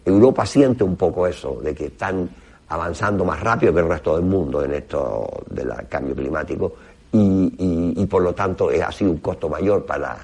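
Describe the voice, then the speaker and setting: Gravelly, low-voiced man speaking Spanish. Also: expressive, darkish tone. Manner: halting, groping for words in Spanish. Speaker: professor, interview guest. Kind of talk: interview answers, explanatory.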